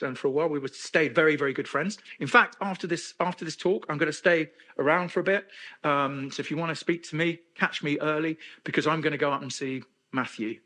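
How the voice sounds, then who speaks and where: A man's voice: a little high, pushed and bright. A middle-aged man from England giving a candid personal testimony at a men's conference, with self-deprecating humor. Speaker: conference speaker.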